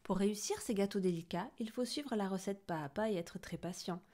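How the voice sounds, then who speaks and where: A woman's voice: medium pitch, a little fast, dark tone, lightly acted. A woman voicing a patient, kindly male friend baking in his kitchen. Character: warm male baker friend.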